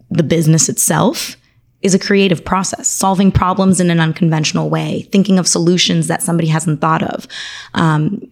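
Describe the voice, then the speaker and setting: An articulate woman guest from Argentina talks through her legal work with enthusiasm. Her voice sits a little low for a woman. She rattles off lists of services and industries in an easy conversational flow. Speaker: attorney, podcast guest. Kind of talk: conversational interview.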